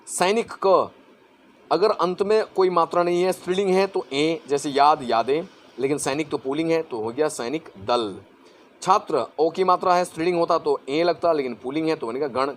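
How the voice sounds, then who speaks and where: Male grammar teacher, Assamese-influenced accent, somewhat high voice, chatty and repetitive. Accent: Assamese-influenced Hindi. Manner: conversational, repeats words, asks and answers own questions. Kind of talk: explaining Hindi grammar to exam students.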